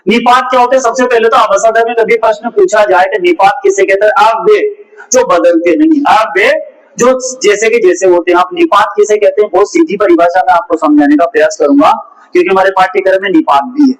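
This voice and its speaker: In a rough recording, a man with a high-pitched, animated, brisk voice teaches Hindi grammar in classroom style. He tends to repeat himself and throws rhetorical questions at his students.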